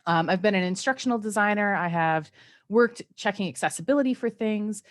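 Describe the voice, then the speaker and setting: A woman's voice: medium pitch, a little fast. A woman giving a friendly, enthusiastic conference presentation on a video call.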